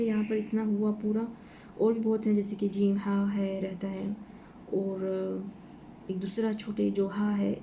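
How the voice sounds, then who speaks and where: A woman giving an informal Quran lesson, walking slowly through the letters of each verse. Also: mid-range voice, vocal fry, mellow, a little hiss or hum. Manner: slow, explaining letter by letter. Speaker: Quran teacher.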